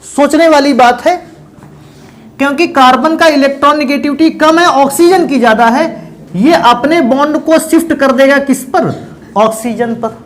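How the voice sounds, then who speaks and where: Speaking at a moderate pace in a very high voice, a man lectures on chemistry. He calls his students beta and bhaiya and repeatedly answers his own questions.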